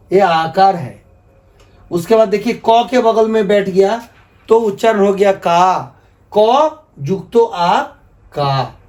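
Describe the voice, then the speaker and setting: A man's voice: high-pitched, a little mellow. A man whose first language is Bengali, teaching the alphabet in a patient, repetitive video lesson and asking viewers to repeat after him. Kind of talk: video lesson explaining script.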